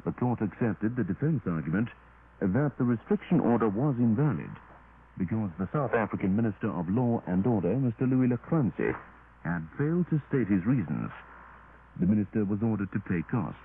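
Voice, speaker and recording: Heard over a thin 1980s shortwave signal with light noise and phone-like quality, a man reads the news from a radio studio. His voice sits fairly low but swings greatly in pitch as he delivers the formal script in a measured manner.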